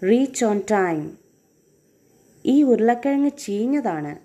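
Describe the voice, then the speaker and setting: Slow, mellow Malayali woman teacher. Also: on the high side, animated. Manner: slow, deliberate. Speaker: English teacher. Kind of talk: slow English drills, each phrase said twice.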